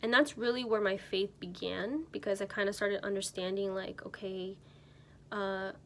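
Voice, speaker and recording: Here a twenty-something woman from Mexico gives her testimony as a church member, talking to camera about her faith. It's casual and unrehearsed, dotted with ums and corrections, in a medium-pitched, steady voice at normal speed with a little background noise.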